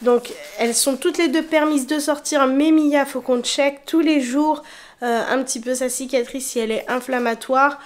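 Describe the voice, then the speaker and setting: A woman's voice: sits high, steady tone, moderate pace. A woman vlogging casually to her viewers, talking in loose, hesitant asides and repeating herself. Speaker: family vlogger. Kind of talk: casual chatty vlog talk to viewers.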